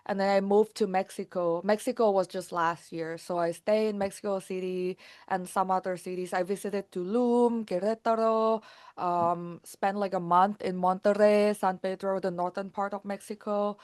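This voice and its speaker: A young woman from Thailand talks as a guest in a relaxed interview. Her speech is quick and lively and full of little fillers, at a middling pitch for a woman. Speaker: guest, founder. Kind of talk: casual interview talk.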